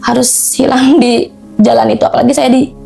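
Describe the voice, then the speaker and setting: A woman recounts a true ghost story to an interviewer in an animated, emotional flow, often turning to address her listener directly. Her voice sits high with a gravelly edge. Faint music plays behind her. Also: normal speed. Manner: emotional, tells of distress at length.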